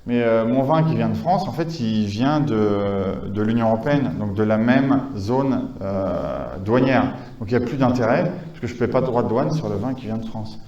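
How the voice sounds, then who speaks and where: A man's voice: lowish voice, expressive, normal speed, few pauses, a little mellow, roomy sound, lo-fi sound. A man giving a conference lecture, talking with many hesitations, fillers and restarts. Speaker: conference speaker.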